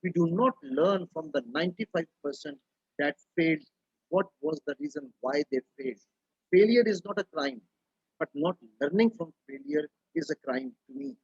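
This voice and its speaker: A man's voice: a little high, normal speed, a little mellow, breathy edge, no echo, muffled recording. A middle-aged man from Pakistan, speaking as a webinar panelist in an earnest, emphatic way, full of rhetorical questions. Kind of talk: panel talk.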